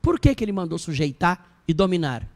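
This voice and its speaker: A bishop preaches a sermon at a church service, telling the story animatedly and putting questions to the congregation. His voice is high-pitched and he speaks fairly quickly.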